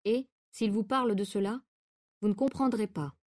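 A woman's voice: medium pitch, moderate pace, darkish tone, close to an everyday voice. Brief: a composed, confident physician giving orders, voiced by a woman reader, storybook reading. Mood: commanding. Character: calm, confident male doctor giving hypnotic orders.

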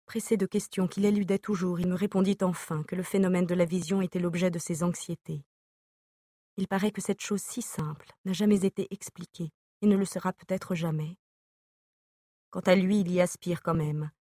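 Low-voiced woman reading letters aloud. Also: fairly even intonation, a little fast, warm tone, no echo, studio quality. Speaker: audiobook reader. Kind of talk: reading an epistolary novel aloud.

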